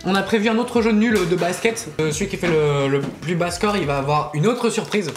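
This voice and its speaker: A young man chatting excitedly with friends as he explains the games. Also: high-pitched, brisk, slight background noise. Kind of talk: casual excited chat among friends. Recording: roomy echo, music behind. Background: music.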